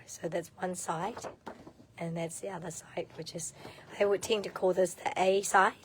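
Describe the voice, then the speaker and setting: A woman hosts a casual live craft demonstration in a hoarse, partly lost voice. It sits a little low and keeps slipping into whispers. She talks informally and hesitantly, thinking out loud as she goes. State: hoarse from losing her voice, breaking into whispers. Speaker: craft demonstrator hosting a livestream.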